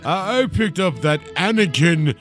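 A man's voice: fairly high pitch, expressive, measured pace, a bit bright, soft background music. A man putting on a smug, wealthy upper-crust collector with pompous, stately speech for podcast banter.

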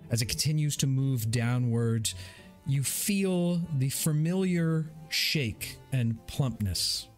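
A man narrating a tabletop game as its game master, descriptive and measured. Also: mid-range voice, faint music behind.

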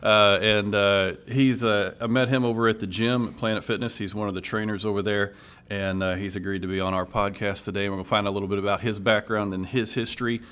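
A man's voice: fairly low pitch, fairly even intonation, a little fast, hardly any pauses, a bit bright. A man hosting a podcast interview, casual and friendly, filling gaps with lots of okays. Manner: friendly, many okays and fillers. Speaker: podcast host.

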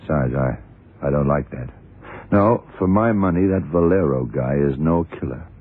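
In a 1960s-70s style radio thriller, a shrewd, methodical male police detective in charge questions in a clipped, deliberate, probing way, working step by step in a pondering mood. His very deep voice is a little rough, with lively intonation and a full character performance. The audio is tinny and narrow, like an old broadcast.

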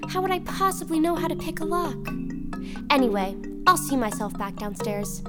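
A woman's voice: high-pitched, expressive, normal speed. A woman playing a bold, sarcastic teenage girl who teases in a family audio drama. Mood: teasing. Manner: sassy, sarcastic. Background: music.

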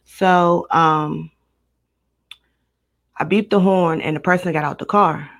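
A woman in her twenties from Maryland, a guest recounting a personal story in a casual interview, steady and matter-of-fact. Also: lowish voice, slow. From Maryland, United States. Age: 20s.

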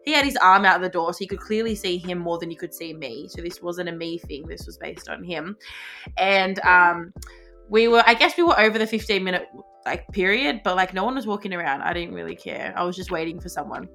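A young Australian woman co-hosts a podcast, telling a story in animated, casual chat full of fillers and swearing. Her voice is on the low side and fairly quick, with soft music in the background.

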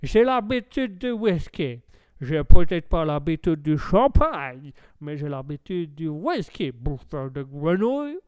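A man putting on a loud tipsy American. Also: on the high side, very animated, slow pace, smooth, dry recording, clean studio sound. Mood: boisterous tipsy. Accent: fake American accent in French. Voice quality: boisterous, says "old boy".

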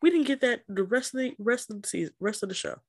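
Lively joking woman podcast co-host. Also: a little high, fast, no room sound. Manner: animated, joking, laughs often. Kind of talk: casual chat.

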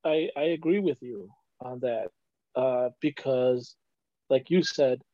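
Slow, mellow man on a dull line. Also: mid-range voice, no echo. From Chicago area. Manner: slow, agreeable, with many filler sounds. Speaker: podcast guest. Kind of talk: conversational interview.

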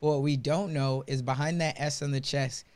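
A man hosting a podcast, giving his guest a measured introduction. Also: mid-range voice, fairly even intonation, darkish tone. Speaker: podcast host. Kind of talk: scripted-sounding interview introduction.

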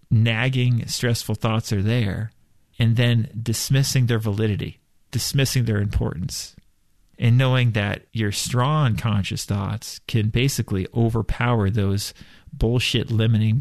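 A man's voice: on the low side, creaky, a little mellow, dry recording. A man talking casually and bluntly about spirituality, repeating himself as he goes. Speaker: spiritual talk host.

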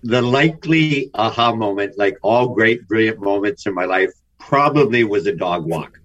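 A man's voice: lowish voice, animated, normal speed. Reflective older Canadian man, lo-fi. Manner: reflective, warm storyteller with fillers. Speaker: guest author. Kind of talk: interview conversation. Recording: dull lo-fi remote audio.

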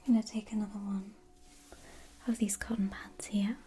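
A woman in a whispered role-play as a spa therapist, speaking in a soft, soothing, attentive whisper. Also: medium pitch, flat delivery, normal speed, slight background noise.

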